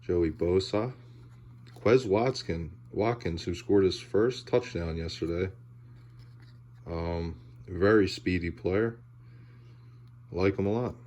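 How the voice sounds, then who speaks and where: Male hobby-video host, unhurried and low, laid-back commentary, heavy audible breaths between phrases. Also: darkish tone. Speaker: host of a sports card pack-opening video. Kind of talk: casual unboxing commentary.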